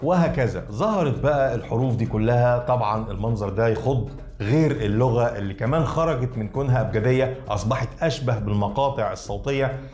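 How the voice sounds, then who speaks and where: A man with an Egyptian Arabic accent narrates a lesson at a brisk clip, explaining as he goes and speaking straight to his listeners. His voice sits at an everyday middle pitch. The recording rings with a roomy echo. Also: a little mellow, soft background music. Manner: explanatory, addresses listeners directly. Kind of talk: scripted educational narration.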